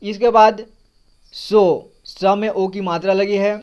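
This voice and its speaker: Man, unhurried lesson delivery, spells out words, repeats each one, dull lo-fi audio. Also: high-pitched, steady tone, darkish tone, smooth. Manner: breaks words into letters and vowel signs, repeats often. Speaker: Hindi reading teacher. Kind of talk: slow word-by-word reading lesson. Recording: slightly dull lo-fi sound.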